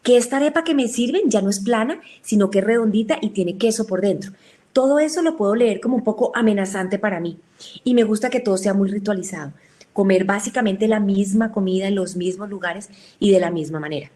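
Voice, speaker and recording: A woman's voice: mid-range voice, fairly quick, warm tone. Woman giving an explanatory talk. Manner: speaks with examples and acted-out quotes. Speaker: lecturer.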